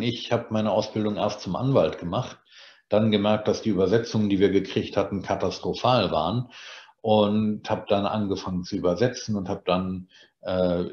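This man's voice sits low and a little mellow. He's a middle-aged translator, raised bilingual in German and English across Germany and England, explaining slides in an online lecture from his home study and peppering it with "äh." The sound, via his video-call webcam, is roomy, dull and lo-fi.

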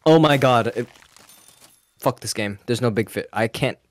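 A man chatting casually while playing a game, excitable and quick to swear and yell. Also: mid-range voice, no echo. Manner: excitable, swearing, sudden yelling outbursts. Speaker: gamer. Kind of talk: casual gameplay chat.

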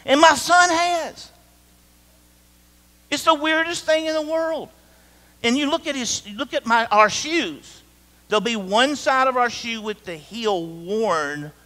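A man's voice: extremely high pitch, sharp tone. A middle-aged man preaching a sermon as pastor, conversational and joking, speaking straight to his congregation. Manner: conversational, jokey, talks to the congregation directly. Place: church sanctuary. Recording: reverberant church hall.

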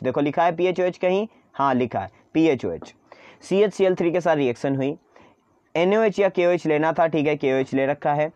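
A man's voice: on the high side, a little mellow, no echo, highs cut off. A man teaching an online chemistry lesson in mix, chatty and coaxing, often repeating his own questions to students.

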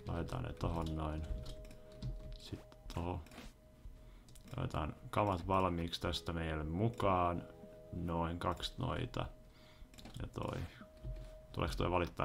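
A young man narrates his gameplay in a low, gravelly voice. He mutters to himself, then breaks into sudden loud outbursts. Faint game music plays under him. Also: flat delivery, pauses often. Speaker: gaming YouTuber. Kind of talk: let's play commentary.

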